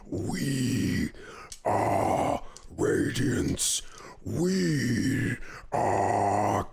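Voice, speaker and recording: A man voicing a menacing, corrupted godlike spirit in a deep booming voice, making slow, grandiose proclamations for a tabletop game. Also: vocal fry, a little hiss or hum, exaggerated voice. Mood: ominous, breathy. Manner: very slow, ominous, drawn-out proclamations.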